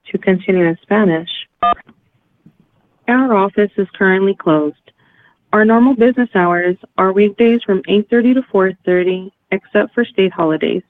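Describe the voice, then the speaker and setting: Lady's recorded phone menu over a landline, formal, slow careful spelling, lowish voice, tinny and dry. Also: no room sound. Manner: measured, formal, spells slowly. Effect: heard over a landline phone. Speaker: recorded hotline greeting.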